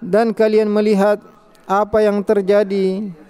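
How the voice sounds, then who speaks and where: A man giving a live interpretation of a Friday sermon and its prayers, in steady, even phrases with occasional restarts. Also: high-pitched, a little slow, clear, resonant tone. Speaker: simultaneous interpreter of a mosque sermon.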